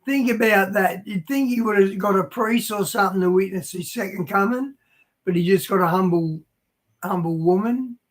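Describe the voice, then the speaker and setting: A man's voice: sits high, moderate pace. A man adding musing, conversational asides in a casual talk. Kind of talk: casual commentary.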